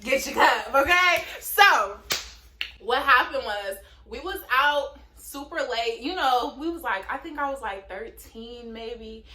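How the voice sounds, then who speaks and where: A woman's voice: high-pitched, lively intonation, slow, bright, forceful tone, a little hiss or hum. A young woman telling a story to her viewers in a chatty, slangy, casual way. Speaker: vlogger. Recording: roomy echo.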